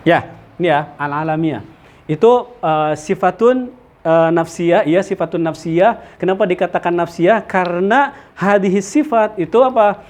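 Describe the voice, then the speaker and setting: A man teaching a study circle lesson, explaining slowly with many fillers and Arabic terms and checking in with his listeners. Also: high voice, a little mellow. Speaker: teacher of Islamic theology.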